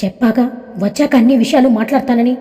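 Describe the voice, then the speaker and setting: A woman's voice: a little high, fast, warm tone, in a large hall, close to an everyday voice. A woman voicing a confident young man who firmly reassures a frightened woman. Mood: reassuring. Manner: reassuring, firm.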